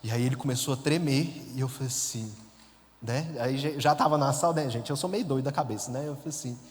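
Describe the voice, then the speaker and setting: A priest from the interior of Minas Gerais, with a Minas accent, telling a story in a sermon in a chatty, self-mocking way and laughing often. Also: male voice, mid-range voice, quick pace. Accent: Minas Gerais Brazilian Portuguese. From interior of Minas Gerais, Brazil. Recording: long hall reverb.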